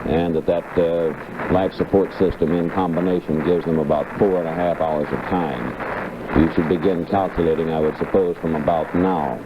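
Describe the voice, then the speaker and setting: Male news anchor, deep, measured live commentary with hesitations, muffled vintage broadcast sound. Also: steady tone. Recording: dull, very noisy archival TV broadcast audio.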